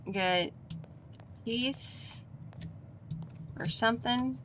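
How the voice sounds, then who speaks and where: A woman's voice: on the high side, very slow, fairly bright tone, a little hiss or hum, low-quality recording. A woman giving casual, playful video game commentary, chatting to the characters as she plays. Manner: playful, talks to the dolls.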